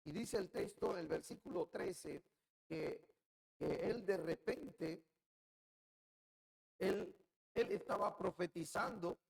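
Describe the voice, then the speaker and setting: A male Colombian Caribbean preacher with a gravelly edge to his voice, delivering a sermon in an unhurried way. He drops to a low, musing tone and then bursts into loud, shouted cries. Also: rough recording. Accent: Colombian Caribbean Spanish. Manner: swings from quiet musing to loud shouted outbursts. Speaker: pastor.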